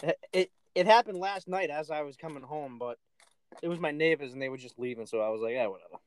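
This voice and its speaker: A man's voice: a little high, brisk, clean tone. A man co-hosting a casual podcast, teasing his partner and giving firm opinions on football. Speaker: podcast co-host. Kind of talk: casual podcast chat and sports talk.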